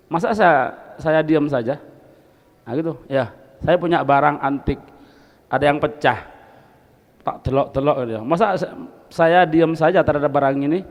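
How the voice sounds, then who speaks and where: A man's voice: high-pitched, in a large hall, dull audio. A man gives a folksy, conversational sermon in a religious study circle, asking the audience questions and slipping in Arabic phrases. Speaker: religious teacher. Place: hall of a boarding school.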